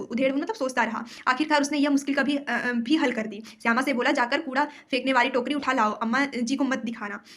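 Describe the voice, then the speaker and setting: A woman teacher reading a school story aloud and retelling each part in simple words, with frequent hesitations. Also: high voice. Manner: reads a passage, then retells it in plain words, with many hesitations. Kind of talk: explaining a school story chapter.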